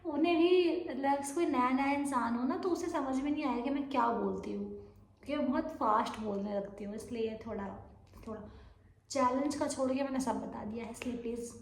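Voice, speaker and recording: A woman's voice: high-pitched, roomy sound. A young woman talking through a casual vlog update while unwell, rambling and laughing at herself as she goes. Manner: rambling, self-mocking, mixes Hindi and English; says she talks very fast. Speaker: vlogger.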